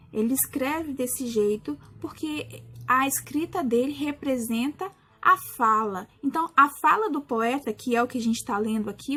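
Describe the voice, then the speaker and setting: A Brazilian woman teacher explaining a lesson to primary school pupils in a patient way, often pausing and restarting. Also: high voice, pushed and bright. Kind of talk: recorded class explanation.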